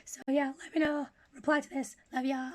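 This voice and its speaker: A woman chats casually to her vlog, hoarse, her voice giving out and slipping into a whisper. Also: sits high, flat delivery, brisk. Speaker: vlogger. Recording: noisy handheld phone recording.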